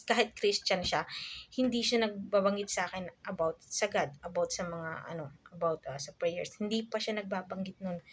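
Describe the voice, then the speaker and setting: A woman's voice: mid-range voice, a little hiss or hum. A young adult woman from the Philippines telling a personal story in a casual vlog, full of fillers and asides to her viewers. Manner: chatty, many fillers, addresses viewers as guys. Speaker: vlogger.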